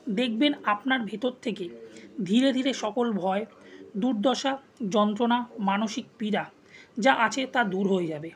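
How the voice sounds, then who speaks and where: Calm woman explaining a symbol. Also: on the high side. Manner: calm, measured explanation addressing the viewer. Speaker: tarot reader and numerologist. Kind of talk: instructional spiritual talk.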